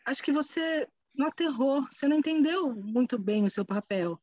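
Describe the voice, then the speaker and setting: A woman's voice: high voice, lively intonation, brisk, a little mellow, no room sound, dull audio. A woman playing an exasperated woman who insists and repeats herself, thinking aloud over a video call. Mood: arguing. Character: exasperated woman fed up with nonsense. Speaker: theatre workshop participant.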